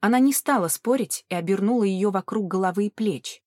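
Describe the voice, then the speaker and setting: A woman narrating an audiobook in an even, clear storytelling voice. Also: medium pitch, a little fast, no echo, studio quality. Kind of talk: scripted narration.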